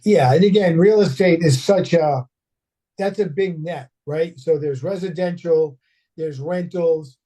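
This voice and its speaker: A man with a fairly high but very dark, mellow voice leads a casual market chat. He asks his co-host questions and drops wry asides between them. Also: a little slow. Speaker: co-host, financial advisor.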